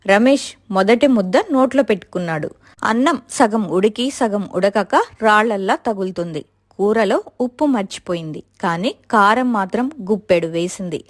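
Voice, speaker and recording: A woman telling a family story in steady, expressive scripted narration. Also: mid-range voice, moderate pace.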